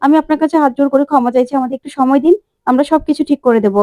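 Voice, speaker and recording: A woman storyteller doing a humble bride's father who apologizes and begs for time, spoken high and fast. The tone is mellow and dry. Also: fairly even intonation, dry recording, close to an everyday voice. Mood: apologetic. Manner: begging, apologetic.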